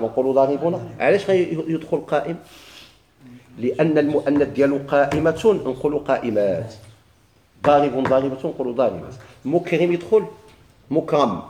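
Fast-talking Moroccan man teaching grammar. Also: fairly high pitch, mellow, reverberant. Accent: Moroccan Arabic. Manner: questions himself and answers, repeating examples. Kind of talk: classroom grammar lesson.

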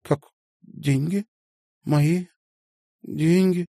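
A man's voice: a little high, fairly even intonation, drawn-out words, warm tone, no room sound, studio quality, pitched above the performer's own voice, exaggerated voice. A man voicing a timid, pleading young woman. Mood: frightened. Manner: pleading, frightened, whiny.

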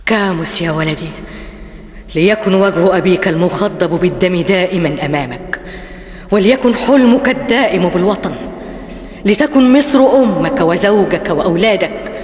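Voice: medium pitch, expressive, normal speed, natural voice. Radio drama, solemn elder parent voice acted charging a son, big echoey reverb. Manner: grave, incantatory.

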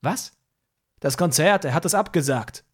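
A man's voice: on the high side, animated, normal speed, voice pushed up. A man voicing a blunt, defiant young male musician in an audiobook. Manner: blunt, matter-of-fact. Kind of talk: audiobook character voice.

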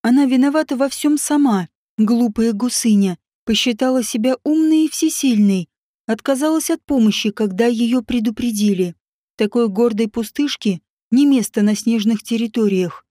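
A woman narrating a fantasy story in an even, dramatic reading style. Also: on the high side, normal speed, no echo, studio quality. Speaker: audiobook narrator. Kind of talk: scripted narration.

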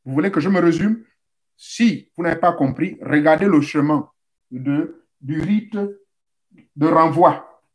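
A man's voice: a little high, a little slow. A man from Central Africa explaining a spiritual rite step by step, speaking directly to his listeners and repeating key points. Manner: didactic, addresses listeners directly, repeats steps. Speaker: spiritual teacher. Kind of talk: instructional talk.

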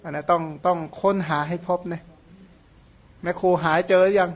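A Buddhist monk from northeastern Thailand, a native Khmer speaker, giving a casual, conversational Dhamma talk with gentle chuckles. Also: male voice, high-pitched, steady tone, moderate pace. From Surin, northeastern Thailand.

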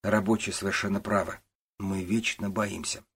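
A man's voice: sits low, flat delivery, moderate pace, a bit bright, husky, heavily acted. Brief: nervous young male clerk, hesitant and pleading, read by a male narrator. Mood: anxious. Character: timid young male clerk, twenty-three.

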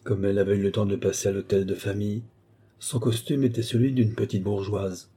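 A man narrating a classic novel as an audiobook reader in a measured literary reading. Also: lowish voice, flat delivery, mellow, husky. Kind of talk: scripted narration.

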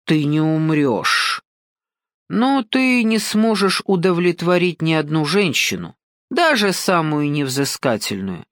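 A sly, domineering older man voiced by a woman narrator leans in with slow, coaxing menace. His speech is drawn-out and patronizing, delivered in a dry, close-miked audiobook sound. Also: sits low, very animated, no room sound, exaggerated voice. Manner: slow, coaxing, patronizing, keeps saying "son".

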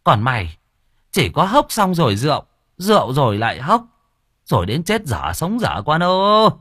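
Male narrator doing a high-pitched nagging mother, scolding and fretful, storybook audio. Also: huge pitch swings, normal speed, fairly bright tone, husky, dry recording, studio quality, full character voice. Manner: scolding, fussing. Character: nagging middle-aged village mother, shrill.

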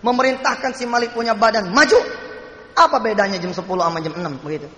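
A male preacher with a Jakarta Betawi accent telling a story in a sermon, animated, swinging between high exclamations and soft asides. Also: racing. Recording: echoey hall reverb.

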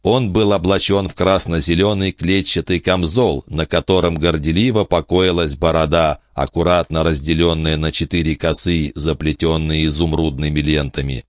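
A man narrating a storybook in an expressive reading style, voicing many characters. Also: rumbling low, moderate pace, hardly any pauses, dry recording, clean studio sound. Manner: expressive reader doing many voices. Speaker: audiobook narrator.

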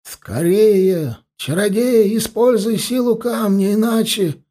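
A man's voice: extremely high pitch, sing-song, slow, husky, pitched above the performer's own voice, full character voice. A man voicing a frantic male elf archer who shrieks in panic.

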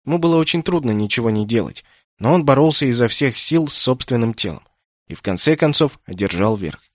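A man reading a novel aloud as an audiobook narrator, telling the story in an even, measured way. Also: medium pitch, dry recording, studio quality. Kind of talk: scripted narration.

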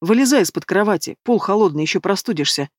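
A man's voice: high voice, lively intonation, fast talker, no echo. A woman voicing a young man in an audiobook, a teasing and easygoing best friend, recorded dry and close. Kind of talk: audiobook character dialogue.

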